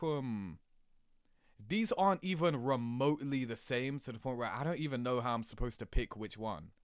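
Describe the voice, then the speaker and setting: A young man hosts gaming reaction commentary, casual and slangy, swearing and repeatedly saying "you know what I mean." His voice is medium-pitched and a bit bright, with clean studio sound and no room sound.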